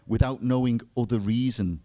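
This seminar talk on faith comes from a man in England with a Liverpool accent, speaking at normal speed in a medium-pitched, dark-toned voice. He entertains the live audience with self-deprecating jokes and asides.

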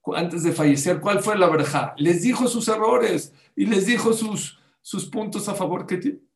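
With a high voice at a moderate pace, a male religious teacher delivers a sermon-like talk in an echoey room. He asks his listeners rhetorical questions and cites Hebrew sources.

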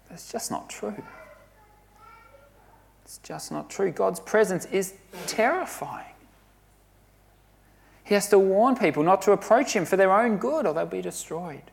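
Earnest man preaching with hushed emphasis. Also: sits high, creaky. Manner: earnest, emphatic preaching with dramatic drops to a hush. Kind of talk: sermon.

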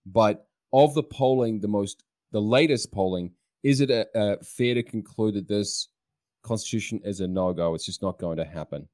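Inquisitive male podcast host, low voice. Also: moderate pace, darkish tone, no room sound, studio quality. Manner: conversational, inquisitive. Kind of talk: interview.

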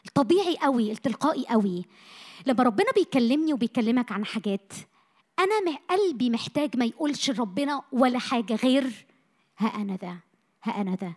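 A woman preaching a sermon to young people, passionate, moving from loud bursts to hushed lines, her voice a little tired. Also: high voice. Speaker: missionary speaker. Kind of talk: sermon to a youth meeting.

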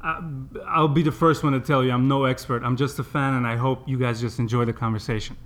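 A man's voice: mid-range voice, steady tone, fast, fairly bright tone. Chatty male podcast host talking with braces. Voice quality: slightly impeded speech from new braces. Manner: chatty, informal, addresses listeners directly. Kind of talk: casual sports podcast chat.

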